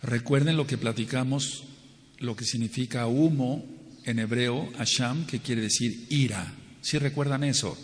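A man with a mid-range voice, speaking a little slowly, teaches a Torah sermon full of rhetorical questions and phrases repeated for emphasis. When quoting people, he acts them out with a raised voice, and long hall reverb surrounds the recording.

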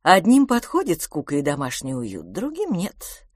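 A prim, earnest middle-aged spinster explaining herself carefully, as a female audiobook reader plays her. Her voice sits low but moves a lot in pitch, and the read is close and dry. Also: huge pitch swings, normal speed, no room sound, exaggerated voice.

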